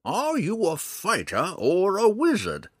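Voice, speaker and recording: A man voicing a stern, gruff male woodland hermit who scolds in a raised, high voice. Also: huge pitch swings, slow, a bit bright, dry recording, clean studio sound, exaggerated voice. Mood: scolding.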